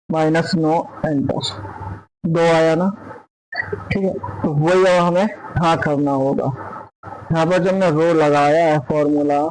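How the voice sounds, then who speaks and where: A man's voice: on the high side, darkish tone, poor audio. Man teaching a spreadsheet lesson. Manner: explains step by step, asks the viewer questions. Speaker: Excel tutor. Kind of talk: screen-recorded software tutorial.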